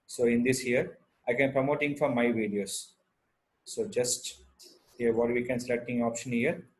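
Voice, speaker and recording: Here a man with a medium-pitched voice and an Indian Telugu accent gives an unscripted, step-by-step software tutorial over poor audio. His instructions come in halting, repetitive phrases.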